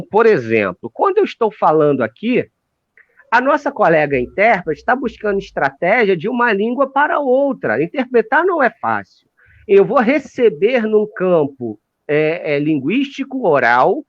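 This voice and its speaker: Animated man lecturing over tinny audio. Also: high voice. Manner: animated, lecturing, with frequent restarts. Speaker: educator of deaf students. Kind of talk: explanatory talk in a live video call. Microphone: video call. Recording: tinny phone-like live stream audio.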